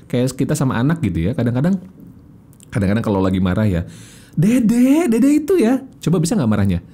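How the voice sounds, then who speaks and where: A man talks as a guest coach on a podcast, animated and expressive, acting out small examples as he explains. His voice is mellow and a little husky, with a lively pitch. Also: fast. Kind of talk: casual interview chat.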